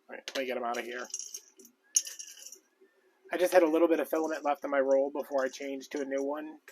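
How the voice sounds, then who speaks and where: Rambling, chatty man, slightly high. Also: slight background noise. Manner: rambling, chatty, many fillers. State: out of breath. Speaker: crafting vlogger. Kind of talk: casual live-stream chat.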